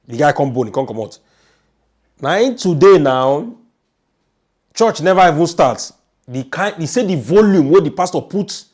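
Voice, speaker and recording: An online news commentator with a Nigerian accent tells stories informally and emphatically, often repeating his phrases. His voice sits on the high side and is a little mellow.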